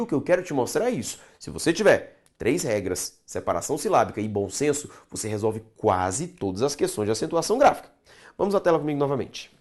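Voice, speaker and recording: Male Brazilian teacher, very animated intonation, direct to camera, stretches key words slowly. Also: on the high side. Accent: Brazilian Portuguese. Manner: addresses viewers directly, checks understanding often. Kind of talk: online grammar lesson.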